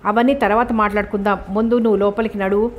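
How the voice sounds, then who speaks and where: A woman's voice: mid-range voice, steady tone, fast talker, lightly acted. Sorrowful, stern middle-aged mother, read by a woman in a storybook. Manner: sorrowful and earnest.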